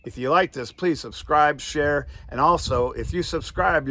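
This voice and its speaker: A man's voice: mid-range voice, a bit bright, slight background noise. A man giving a hands-on instructional lesson as host, explaining step by step in an emphatic, repetitive coaching manner. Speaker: duck-calling instructor and host.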